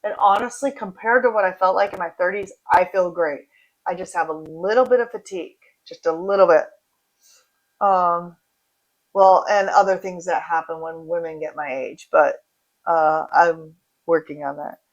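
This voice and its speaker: A woman's voice: on the low side, normal speed, muffled recording. A woman in her forties hosting a casual livestream, reading out viewer comments and chatting in a rambling way, drifting off into asides. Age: 40s.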